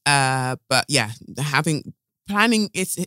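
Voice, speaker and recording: A woman's voice: low voice, lively intonation, slow, bright, forceful tone, smooth, dry recording, studio quality. A woman hosting a casual solo podcast in a playful, emphatic, slangy way, her speech slightly impeded by the retainers she is wearing. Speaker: podcast host.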